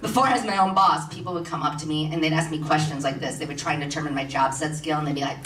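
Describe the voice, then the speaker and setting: Woman, from Miami, stand-up comedian, brash and sarcastic, distant stage mic, crowd noise. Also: deep voice. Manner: brash, sarcastic, quick punchlines. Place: large theater stage. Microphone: stage microphone. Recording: distant roomy theater mic, audience noise.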